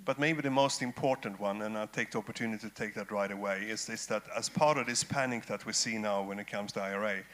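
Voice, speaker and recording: A blunt, indignant man, speaking on a conference panel as a company executive. His voice sits fairly low. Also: quick pace, few pauses, fairly bright tone, slight background noise. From Sweden. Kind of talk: panel discussion.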